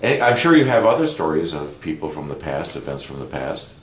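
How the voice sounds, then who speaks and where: A man hosting an interview, speaking in a measured, encouraging way with frequent backchannel replies. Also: a bass voice, very animated, echoey room. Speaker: interview host. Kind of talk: interview questions.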